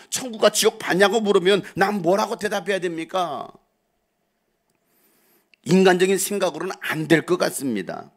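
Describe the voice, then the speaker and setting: A male pastor preaching a sermon, with joking asides and rhetorical questions to the congregation. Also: on the high side.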